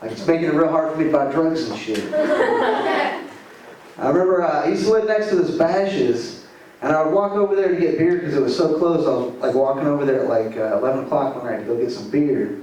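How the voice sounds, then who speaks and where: A man's voice: a little high, sing-song, a little fast, a little mellow. Man doing stand-up in an echoey club. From Arizona. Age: 20s. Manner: loose, rambling delivery with lots of "like" and "man". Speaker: stand-up comedian. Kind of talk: stand-up comedy set. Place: comedy club stage. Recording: echoey room, voice from far off, audible room noise.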